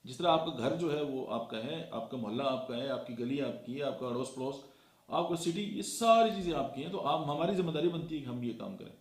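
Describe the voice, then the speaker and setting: A man's voice: mid-range voice, expressive, brisk. A man from Pakistan giving a motivational talk, lecturing and counting off his points one by one with frequent fillers. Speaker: motivational speaker. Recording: echoey room.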